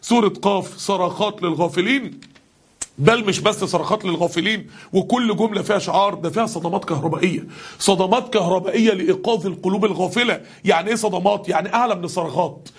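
A man with an Egyptian Arabic accent preaching a passionate sermon to a congregation, his voice climbing to shouts on the key lines. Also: high voice, quick pace, slightly rough. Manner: impassioned, rising to shouts on key verses.

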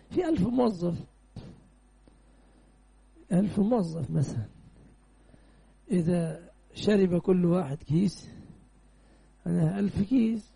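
A man's voice: fairly high pitch, vocal fry, mellow, slightly rough. A man with an Egyptian accent teaching a hadith class, posing questions to his students and mixing colloquial and classical speech.

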